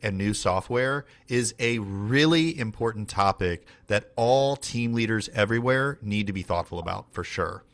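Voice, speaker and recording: Low-voiced male trainer, casual and rambling, talking over a video call. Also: animated, normal speed, few pauses. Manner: rambling, many fillers and restarts. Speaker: team leader and trainer.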